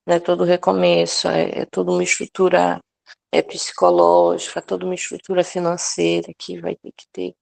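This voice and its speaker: A woman's voice: on the low side, creaky, a little mellow. A woman sharing a personal testimony with a prayer group, talking earnestly with many restarts and fillers.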